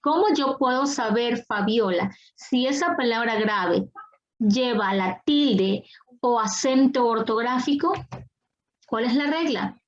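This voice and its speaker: Over a video call, a woman teaches an online class in a somewhat high voice, taking it slowly. She's patient and coaxing, repeating her questions to the students, and the recording is muffled.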